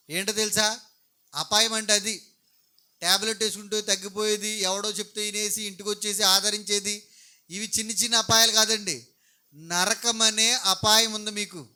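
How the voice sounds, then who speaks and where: A man's voice: high-pitched, bright, forceful tone, clean tone. A middle-aged man preaching a sermon, posing questions to the congregation and answering them himself. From Andhra Pradesh. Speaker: pastor.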